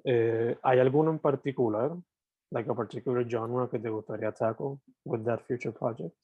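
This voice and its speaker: A thirty-year-old man with a mid-pitched voice, interviewing in an easygoing, affirming way. The recording is dull and lo-fi. It is also dry and close. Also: moderate pace, breathy edge, dry recording. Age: 30s. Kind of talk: casual interview, mixing Spanish and English.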